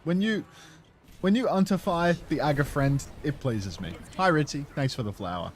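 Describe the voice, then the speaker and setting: A man's voice: on the high side, expressive, moderate pace, slight background noise. A man who has just woken up, casually chatting on a stream and reading messages from chat aloud in a loose, joking way. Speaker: esports co-streamer host. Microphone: headset.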